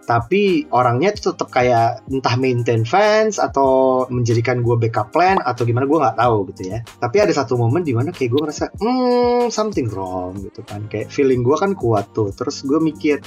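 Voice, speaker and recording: A man chats casually as a podcast co-host, his pitch swinging widely as he tells stories. He acts out each person's lines in turn, with faint music behind him. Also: fairly quick, hardly any pauses. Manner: animated storyteller, acts out both sides of dialogue.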